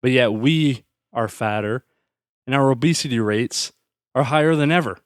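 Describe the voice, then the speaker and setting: A man's voice: mid-range voice, moderate pace, no room sound, clean studio sound. A man hosting a podcast, ranting in a fired-up, sarcastic way. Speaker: podcast host. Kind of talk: solo podcast rant.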